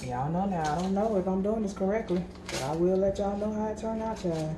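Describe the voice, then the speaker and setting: In her home kitchen, a woman vlogger with a mid-range voice chats a little fast as she cooks. She rambles casually and addresses viewers as "y'all" throughout, recorded in an echoey room with background noise.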